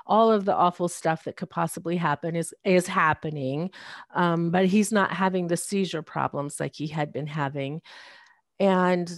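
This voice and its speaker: A woman giving a personal faith testimony about her husband, speaking earnestly and laughing softly between phrases. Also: lowish voice, no echo, studio quality.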